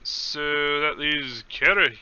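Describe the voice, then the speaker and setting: Bright, forceful man running a tabletop game. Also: a little high, slow pace, clear, resonant tone, dry recording, lo-fi sound. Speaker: game master. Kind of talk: casual narration of a tabletop fantasy game.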